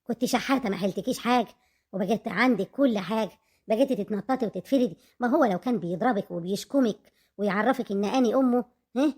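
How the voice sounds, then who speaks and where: A woman's voice: fairly high pitch, fast talker, breathy edge. A woman playing a harsh, nagging older mother-in-law, speaking with an Egyptian accent in a comedic web skit. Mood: scolding. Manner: nagging, insulting, sharp-tongued.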